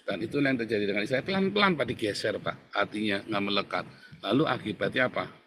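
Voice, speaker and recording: A middle-aged man, a pastor, telling his own story and preaching with big swings in pitch and loudness while he keeps addressing his listeners. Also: expressive, quick pace, slight background noise. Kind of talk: testimony and preaching in a Bible Q&A.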